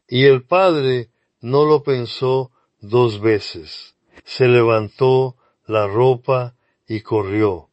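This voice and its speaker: A male preacher delivers a devotional sermon at an unhurried, deliberate pace, addressing the listener directly and earnestly. His voice sits at an ordinary middle pitch. The recording is close and dry, with no room echo. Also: lo-fi sound. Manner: earnest, speaks straight to the listener.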